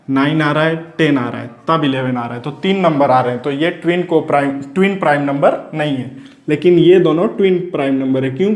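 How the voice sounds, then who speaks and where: Male math teacher, slightly high voice, patient repeated questions, roomy sound. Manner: slow, repetitive, keeps asking and answering his own questions. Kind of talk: explaining a classroom lesson. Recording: echoey room.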